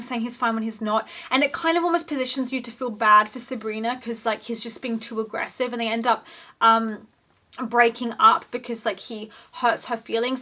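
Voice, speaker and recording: A woman's voice: fairly high pitch, sharp tone. A young woman giving an opinionated, casual commentary on a TV series, talking in a chatty way with lots of "like" fillers. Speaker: video essayist.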